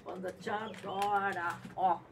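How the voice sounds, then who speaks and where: A woman's voice: medium pitch, fairly even intonation, slow. A middle-aged Brazilian woman hosting a pet product review vlog in a playful, cutesy manner, sprinkling in Japanese catchphrases. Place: small tiled outdoor patio or yard. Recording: clear background noise, outdoor ambience.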